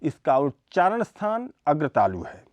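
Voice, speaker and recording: Male lecturer, slow and deliberate, animated pitch, dry studio sound. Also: no room sound. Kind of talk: scripted educational lecture.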